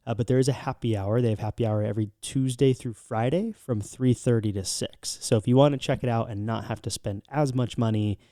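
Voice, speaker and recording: A man's voice: mid-range voice, fairly even intonation, brisk, few pauses, warm tone, dry recording. Casual American man co-hosting, dry close sound. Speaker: podcast co-host. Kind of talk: casual travel recommendation podcast talk.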